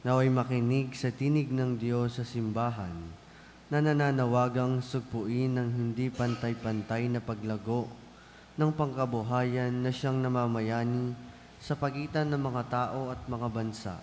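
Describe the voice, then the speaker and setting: A man reads the prayers of the faithful at Mass in a measured, formal way, with a cathedral echo. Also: medium pitch, fairly even intonation, a little mellow. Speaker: lector reading the prayers of the faithful. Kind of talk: reading intercessions at Mass. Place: large church. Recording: echoey church hall with faint noise.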